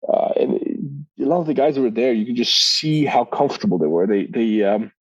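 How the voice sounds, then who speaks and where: A man's voice: medium pitch, moderate pace, breathy edge, dry recording. A man speaking as a podcast guest, sharing a personal testimony in a hesitant way, with many fillers and restarts. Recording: dull lo-fi sound.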